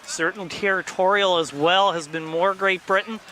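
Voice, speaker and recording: Male commentator, high voice, hesitant, filler-heavy, loud outdoor noise. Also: fairly even intonation, normal speed. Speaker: colour commentator. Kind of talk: live sports commentary. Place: outdoors beside a sports field.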